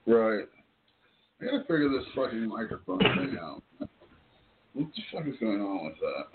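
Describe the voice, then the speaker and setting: A man's voice: on the low side, very animated, normal speed, very noisy. Casual, swearing male co-host on a tinny call, the phone held away from his mouth, so he comes through faint. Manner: loose, rambling, swears often. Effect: faint and distant, phone held away from his mouth. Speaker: podcast co-host.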